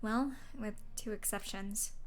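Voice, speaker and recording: A young woman streaming a game, reading its text aloud in a soft, low-key way with quiet asides. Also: measured pace, slight background noise. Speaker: gaming streamer.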